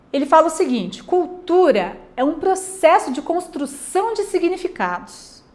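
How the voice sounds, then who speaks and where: A Brazilian woman teaching a class in a conversational way, checking in with her students often and acting out little examples. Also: high-pitched. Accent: Brazilian Portuguese. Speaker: lecturer. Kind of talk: recorded online class lecture.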